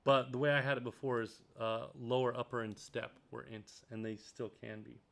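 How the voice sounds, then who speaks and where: A man with a medium-pitched, flat, creaky voice talks at a normal speed while teaching programming in a screen-recorded tutorial. He reads passages from a textbook aloud and then comments on them as he works, thinking out loud with lots of ums and uhs.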